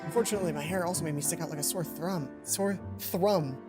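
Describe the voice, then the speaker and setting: A woman with a fairly low voice reads a visual novel aloud at speed during a let's play, game music sitting under her speech. She dramatizes the dialogue and, when she stumbles, tosses off offhand comments about her slips.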